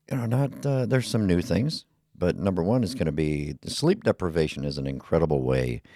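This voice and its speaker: A man with an extremely deep, gravelly voice rambles through a casual solo podcast episode, mumbling and trailing off with fillers. His tone is dark and rumbly, recorded close and dry on a heavy dynamic mic with some equalizer shaping. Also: dry recording. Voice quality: rumbly, low voice. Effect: equalizer filter on the mic. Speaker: podcast host. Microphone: heavy dynamic podcast mic on a boom arm.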